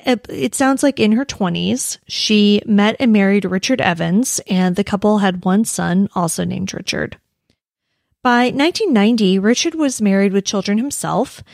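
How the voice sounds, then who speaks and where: An American woman hosts a true crime podcast in a conversational storytelling style. Her voice has a noticeable gravelly fry, and she is recorded close and dry. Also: medium pitch, expressive, normal speed, a little mellow, no echo. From United States. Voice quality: creaky vocal fry. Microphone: close podcast microphone in a dry room.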